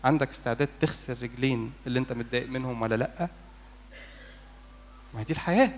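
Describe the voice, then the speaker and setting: A man's voice: mid-range voice, very fast, a little hiss or hum. A man with an Egyptian Arabic accent, a priest preaching a sermon in church, pleading and putting rhetorical questions to his listeners. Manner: urgent, pleading, asks the congregation rhetorical questions.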